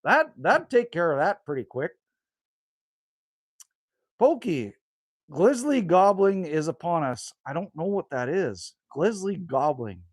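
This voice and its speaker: A man in his fifties hosts a livestream outdoors by a rural cabin, reading chat and rambling casually with viewers. His slightly high voice is very animated yet slow, with frequent pauses, captured as clean studio sound with no room sound.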